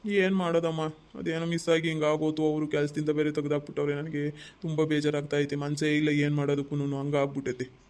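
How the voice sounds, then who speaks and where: Actor as dejected jobless man, resigned, flat, family drama skit. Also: a little high, fairly quick, clear, resonant tone, natural voice. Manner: gloomy, resigned, repeating himself. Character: dejected man who just lost his job.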